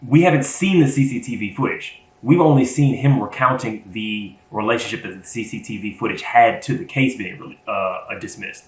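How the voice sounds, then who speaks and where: A man's voice: lowish voice, normal speed, few pauses, reverberant, low-quality recording. A man co-hosting a podcast in casual chat, rambling and hesitant with many restarts. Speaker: podcast co-host.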